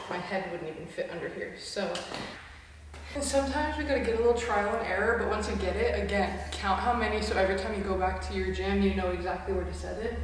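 A woman's voice: mid-range voice, roomy sound, background noise. A woman in her twenties giving casual, encouraging gym tips for beginners, talking straight to the camera at close range. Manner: chatty, encouraging, says "literally" often. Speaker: fitness creator. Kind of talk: casual instructional vlog. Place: gym, then parked car, then bedroom.

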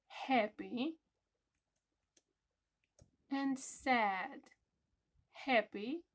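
Romanian lady teaching little kids english words, says each one slow and loud, bit high pitched. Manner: slow, emphatic word drills with repetition. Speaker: English teacher for young children. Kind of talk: televised home-school lesson.

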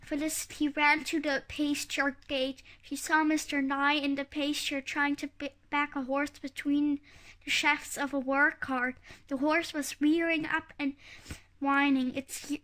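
Slow, high-voiced woman reading aloud. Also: level tone, a bit bright. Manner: halting, with slips and restarts. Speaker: reader. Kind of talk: reading a children's book aloud.

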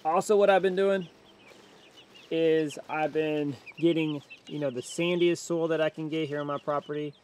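A man in his thirties with a Texan accent, chatting excitably as he films himself at arm's length outdoors on a rural homestead. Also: on the high side, moderate pace, a little hiss or hum. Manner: chatty, excitable, talks to the animals. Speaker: homesteader showing his animals. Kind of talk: casual walk-and-talk vlog. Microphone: handheld camera held at arm's length.

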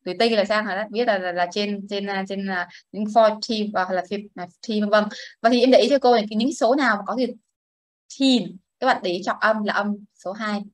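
A woman with a medium-pitched voice, speaking a little fast, teaches English pronunciation in a classroom. She patiently explains and models words for the students to repeat, and the audio has no echo.

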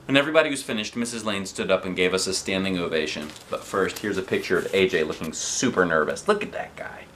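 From his living room sofa, a man in his thirties gives an expressive read-aloud of a children's book, complete with playful asides and lively character voices. His voice is low-pitched and quick, with a little hiss or hum in the recording.

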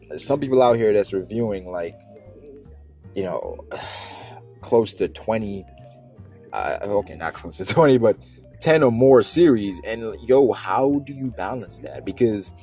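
Rambling vlogger man with a lowish voice, talking while driving, soft music under him. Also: a little slow, breathy edge. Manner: rambling, many restarts and fillers. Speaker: anime YouTuber. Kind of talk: casual car vlog monologue. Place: driving in a car. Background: faint background music.

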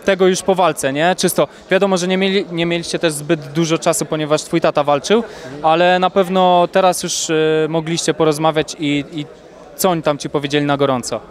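A man's voice: a little high, fairly even intonation, brisk. A young man, a reporter, asking long rambling questions with fillers in a post-fight interview, outdoors on a handheld mic. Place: outdoors at an event press wall.

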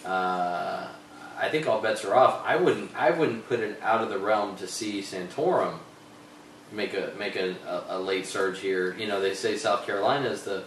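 A man's voice: on the low side, moderate pace, fairly bright tone. A man hosting a casual political talk show, ranting in a heated, sarcastic way. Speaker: show host. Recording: echoey room, distant mic, faint noise.

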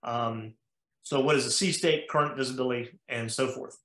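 Speaking at a steady, moderate pace, this male cardiologist has a mid-range, fairly bright voice and an American accent. He's presenting slides to a diving conference via video call, working through each point methodically with plenty of "uh" fillers, and the recording carries room echo.

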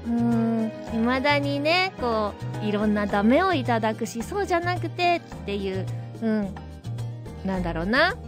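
Woman, solo web radio host, casual reflective talk, thinking aloud, fairly high pitch, music underneath. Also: animated, moderate pace. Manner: reflective, musing aloud with frequent soft asides. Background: background music.

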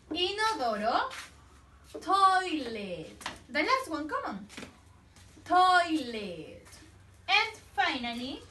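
Woman teacher for small kids, high bright voice, very slow and patient, echoey room, slightly off-mic. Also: recorded from a distance, slight background noise. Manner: slow and patient, repeats each word and switches between Spanish and English; coaxing and encouraging. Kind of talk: recorded class for young children.

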